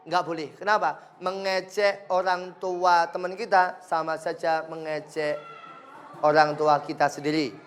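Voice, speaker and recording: A man's voice: high voice, fairly bright tone, a little hiss or hum. A male Islamic studies teacher with an Indonesian accent, giving a playful classroom lesson full of stories. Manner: slow, playful, acts out quoted taunts in a raised voice.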